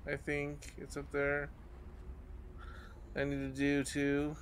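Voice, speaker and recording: A man's voice: on the high side, completely flat delivery, takes it slowly, a little hiss or hum. A man in his thirties giving casual commentary while playing a video game in a small room. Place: small indoor room, on webcam. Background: game music.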